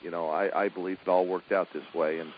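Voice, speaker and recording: A man's voice: deep voice, fairly even intonation, fast, phone-quality sound, a little hiss or hum. A middle-aged man, a college basketball coach, talking casually in an interview, easygoing and chuckling, with lots of fillers and restarts. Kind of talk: phone interview, casual chat.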